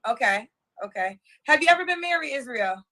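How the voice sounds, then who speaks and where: A woman hosting a live-stream dating interview, firing off quick questions and repeating the answers back. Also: high-pitched, animated, sharp tone.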